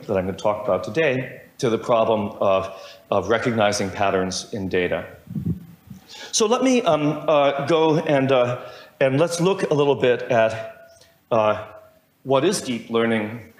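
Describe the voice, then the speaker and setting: A middle-aged man giving a university lecture, wandering through asides with wry humor and frequent self-corrections. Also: mid-range voice. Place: lecture hall. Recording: roomy lecture hall sound.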